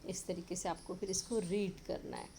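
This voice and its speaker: A woman's voice: lowish voice, fairly even intonation, vocal fry, mellow. Patient woman teacher, faint hiss behind. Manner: patient, talks directly to children, sounds out syllables slowly. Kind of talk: explaining a children's lesson.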